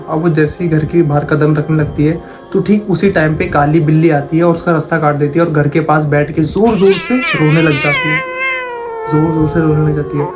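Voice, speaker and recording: A man casually telling a horror story, talking in a conversational way and repeating phrases for emphasis. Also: a little high.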